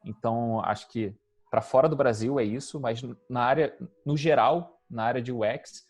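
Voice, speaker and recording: In a casual interview, a man in his 30s, a UX designer from Rio de Janeiro, Brazil, talks as the guest, easygoing and thinking aloud with fillers. He has a mid-range voice and speaks at a normal speed.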